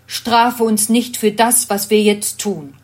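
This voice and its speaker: A woman's voice: mid-range voice, fairly even intonation, slow pace, a little mellow, pitched above the performer's own voice. Storybook sailors in fear, read by a woman, pleading and raised. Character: frightened group of sailors pleading.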